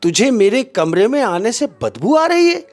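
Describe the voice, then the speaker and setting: A man voicing a gentle elderly father over sixty who calls out softly and pleadingly. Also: very high voice, very animated, moderate pace, faint music behind, voice pushed up.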